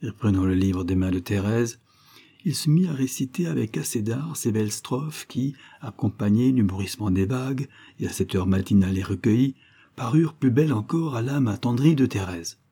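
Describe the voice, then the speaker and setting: A man reading a nineteenth-century short story aloud in a measured, even narration. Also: medium pitch, husky. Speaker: audiobook reader. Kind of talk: literary narration.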